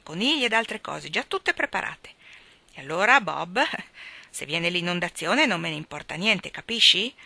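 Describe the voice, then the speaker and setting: A woman's voice: on the low side, vocal fry, dry recording, full character voice. A woman voicing an earnest young boy, the proud son of the master, who talks eagerly and often exclaims. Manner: eager, exclaiming, grows louder.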